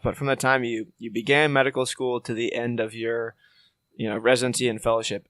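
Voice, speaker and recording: A man's voice: mid-range voice, a bit bright, dry recording. A man hosting a podcast, asking interview questions in a friendly, upbeat, self-deprecating way. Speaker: podcast host.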